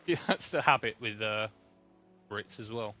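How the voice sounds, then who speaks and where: Wyluzowany streamer gier, mówi bardzo wolno, jasny, napięty głos. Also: male voice, fairly low pitch, sharp tone, slight background noise. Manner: laid-back, joking, chatty. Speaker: game streamer. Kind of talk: live gameplay commentary.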